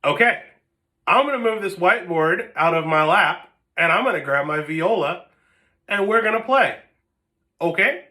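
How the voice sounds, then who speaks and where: A man's voice: high-pitched, lively intonation, normal speed, pauses often, pushed and bright. A man teaching an online string lesson from home on a phone camera, patient, checking in often. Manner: patient, repeats 'okay?' often. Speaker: music teacher. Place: home, seated with whiteboard.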